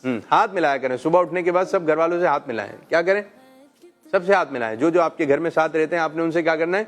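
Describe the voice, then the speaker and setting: A middle-aged man hosting a children's call-in show, gently quizzing kids and praising them often. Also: a little high, soft background music. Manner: gentle, coaxing questions, frequent "mashallah".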